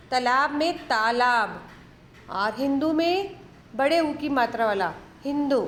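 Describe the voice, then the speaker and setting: A woman teaching a Hindi grammar lesson, going slowly through word lists and saying each word twice. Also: high-pitched, echoey room, a little hiss or hum. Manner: slow, deliberate, repeats each word twice.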